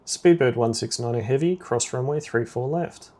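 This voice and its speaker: A man playing air traffic controller in a simulator game, giving clipped, procedural radio commands in a creaky voice. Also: mid-range voice, moderate pace, darkish tone.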